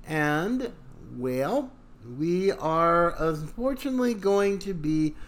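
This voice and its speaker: Guy doing a podcast monologue, takes his time, lots of pauses, bit of ringmaster showiness, voice slightly high. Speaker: podcast host.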